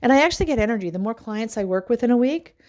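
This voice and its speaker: A middle-aged woman, a life coach, musing aloud in a rambling personal monologue with sighs and pauses. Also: fairly high pitch, lively intonation, a little mellow.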